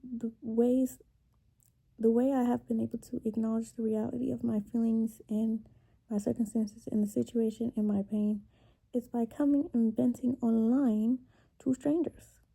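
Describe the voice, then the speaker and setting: A woman in her twenties venting confessionally to camera, halting and tearful, with long pauses and words trailing off. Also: a little high, flat delivery, creaky, dark tone, breathy edge, rough recording. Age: 20s. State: emotionally upset, tearful. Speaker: vlogger. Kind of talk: confessional personal vent to camera.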